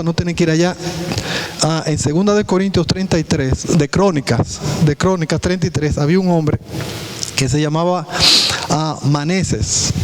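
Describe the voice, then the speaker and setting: Male pastor preaching in church, emphatic, asks the room questions, slightly high voice. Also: darkish tone, rough recording. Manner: preaching with rhetorical questions to the congregation; emphatic, pitch dropping on key words. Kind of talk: sermon.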